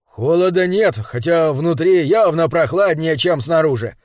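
A man reading an audiobook, voicing a blunt, hot-tempered bald man who speaks loudly and coarsely. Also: fairly high pitch, animated, unhurried, no room sound, studio quality. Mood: indignant. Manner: loud, indignant, coarse. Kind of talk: audiobook character dialogue.

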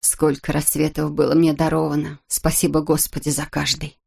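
A gentle, gravely ill wife speaks slowly and softly, pausing for breath, as a woman reading aloud puts her on. Her voice sits low and quiet, and every phrase sounds weak. She comes from a read-aloud story. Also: monotone, exaggerated voice. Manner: soft, breathy, slow.

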